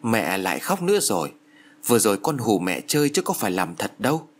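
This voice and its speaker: A flippant, eerie young woman in an audiobook, as a male narrator voices her, tossing off her lines in a quick, teasing way. The voice has a husky edge and moves up and down in lively swings. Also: fairly low pitch. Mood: offhand.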